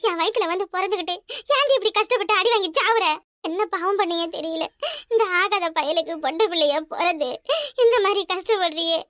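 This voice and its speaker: A woman's voice: a bit bright, dry recording, clean studio sound. A woman voicing a harsh, worn-out village mother in a cartoon, with a Kanyakumari Tamil accent and a scolding, threatening way of talking. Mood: lamenting. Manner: shrill scolding, threatening, rapid-fire. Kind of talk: cartoon voice acting.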